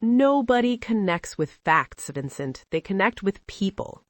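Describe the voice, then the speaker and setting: An American woman running a scripted English lesson in a lively, teasing tone. Her pitch rises and falls a lot as she plays out little example lines. The sound is dry and close-miked. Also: a little slow, no room sound. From United States. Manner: playful, teasing, upbeat. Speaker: English teacher.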